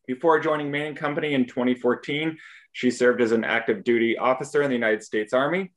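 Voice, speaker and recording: A man moderating a webinar panel, smoothly reading out a guest's introduction. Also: medium pitch, fairly even intonation, fast talker.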